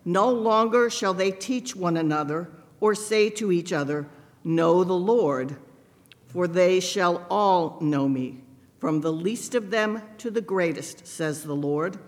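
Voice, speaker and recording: A man leading a church service, praying and reading scripture in a measured, formal voice, heard with a cathedral echo. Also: high voice. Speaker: pastor leading worship. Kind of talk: liturgical prayer and scripture reading. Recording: long church reverb.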